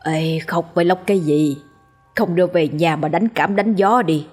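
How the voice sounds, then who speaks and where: A woman voicing a gruff, blunt village man in a ghost story, with a husky voice. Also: on the low side, moderate pace, a little mellow, faint music behind, close to an everyday voice. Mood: brusque.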